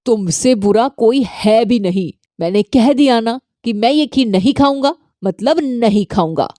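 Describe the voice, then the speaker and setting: A woman's voice: fairly high pitch, animated, unhurried, warm tone, dry recording, clean studio sound. A woman voicing an irritated young husband who answers bluntly and dismissively.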